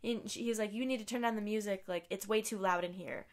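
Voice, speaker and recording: A young woman co-hosting a podcast, chatting casually and telling work stories, acting out what people said and trailing off softly at times. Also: mid-range voice, quick pace. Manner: storytelling, acts out quotes, trails off softly. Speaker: podcast co-host. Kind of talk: casual chat.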